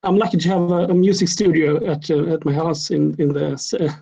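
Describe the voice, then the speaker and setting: A man talking as a student in an English class, halting, with a gravelly husky voice. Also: on the high side, fairly even intonation, mellow, highs cut off. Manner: halting, many restarts. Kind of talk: class introduction chat.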